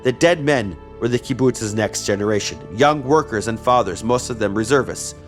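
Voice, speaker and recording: A man narrates a history podcast from a script and slips in wry, chatty asides. His voice sits at an ordinary middle pitch. Faint music plays behind him. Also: normal speed. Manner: wry, conversational. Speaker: podcast host.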